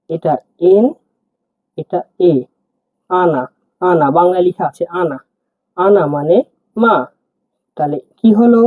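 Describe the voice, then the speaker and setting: A teacher giving a slow, step-by-step language lesson, saying each word several times. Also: medium pitch, no room sound. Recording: muffled phone-like dry sound.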